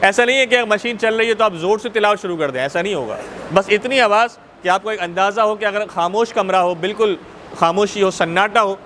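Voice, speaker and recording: A man's voice: sits high, a bit bright, slight background noise. A Pakistani man teaching a class on Islamic law in a mosque, repeating points and checking that students understand, in Pakistani Urdu. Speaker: religious teacher.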